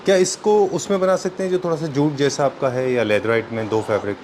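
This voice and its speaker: A man's voice: mid-range voice, a little fast, slight background noise. A man with an Indian accent, casually touring a furniture showroom and asking about designs, mixing in English phrases. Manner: animated, switches freely between Hindi and English, short affirmations. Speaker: host touring a furniture store. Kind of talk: casual conversational walkthrough.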